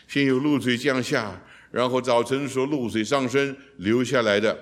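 Lively man teaching from the Bible. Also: mid-range voice. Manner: lively, asks the audience rhetorical questions; drops in English phrases.

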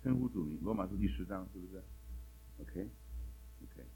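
A man's voice: low voice, animated, normal speed, vocal fry, mellow, slight background noise, rough recording. A man teaching a Bible class in a sermon style, asking the class one question after another and mixing English words into his talk.

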